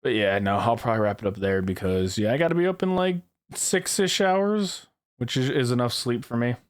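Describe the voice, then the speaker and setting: A podcast host in his early twenties chats casually with friends, rambling, repeating himself and swearing freely. His mid-range voice is animated and clean in tone, and he talks fairly quickly.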